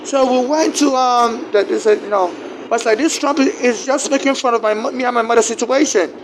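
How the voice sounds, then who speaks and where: Speaking with a Nigerian accent in a language that isn't his first, a man airs a personal grievance in a fairly high voice and a little fast. He stumbles, repeats words and restarts sentences, while loud, steady traffic noise carries on behind him.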